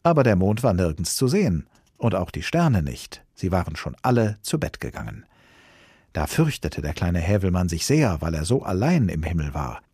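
A man's voice: sits low, moderate pace, breathy edge, no room sound, studio quality. A man reading a fairy tale aloud expressively, voicing the characters. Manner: lively, voices the characters. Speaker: storyteller.

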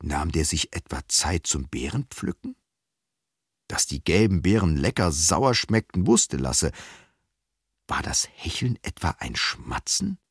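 A man reading a children's audiobook aloud, with lively, expressive storytelling. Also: very deep voice, measured pace, creaky, breathy edge, dry recording, studio quality. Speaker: audiobook reader.

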